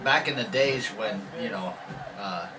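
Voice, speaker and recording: A man's voice: lowish voice, unhurried, crowd noise, rough recording. A man co-hosting a casual wrestling reaction chat, laughing often and restarting his sentences. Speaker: co-host of a wrestling reaction show.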